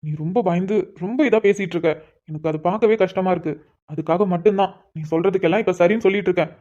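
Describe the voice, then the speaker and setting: A woman's voice: fairly low pitch, fast talker, warm tone, muffled recording, lightly acted. A woman voicing a young man, a would-be police officer who teases and coaxes his tearful sweetheart in a cartoon love story. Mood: gentle. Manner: affectionate teasing, coaxing. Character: young man, police aspirant, teasing but tender fiancé. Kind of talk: cartoon voice acting.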